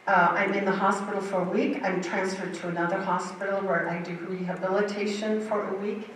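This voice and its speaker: A woman's voice: medium pitch, level tone, brisk, far from the mic, slight background noise. An older woman giving a personal testimony in a church, telling her story in a vivid, emphatic way. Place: church sanctuary. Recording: very echoey hall, heard from afar.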